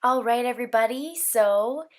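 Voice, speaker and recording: A woman in her twenties, hoarse from a cold, talks through a makeup tutorial from her bedroom filming setup as a beauty vlogger. Her voice is fairly high and her pace moderate, and she keeps things chatty, upbeat and rambling, full of fillers.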